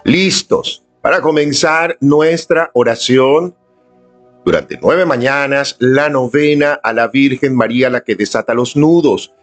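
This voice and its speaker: Slow, earnest man leading a prayer. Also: medium pitch, expressive, soft background music. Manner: earnest, inviting, addresses viewers directly. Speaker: prayer leader. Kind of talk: live-streamed devotional talk. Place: indoors at home, filming on a camera.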